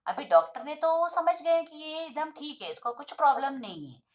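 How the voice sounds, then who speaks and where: A woman tutor explaining a school lesson. She reads each line, then explains it simply in an animated storytelling way. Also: high voice, moderate pace.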